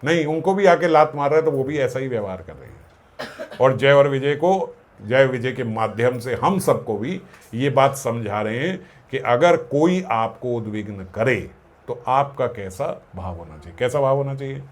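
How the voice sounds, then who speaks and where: A man leads a devotional discourse at a mid-range pitch. He explains scripture verse by verse and puts questions to his listeners that he answers himself. He slows down for chanted Sanskrit lines. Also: lively intonation. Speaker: spiritual discourse speaker.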